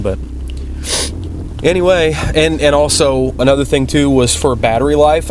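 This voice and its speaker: A man with a mid-pitched voice narrates a motovlog in a casual, conversational way. He is plain-spoken and tends to ramble as he comments on race footage. Clear vehicle noise runs behind his voice. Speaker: motovlogger and amateur dirt bike racer.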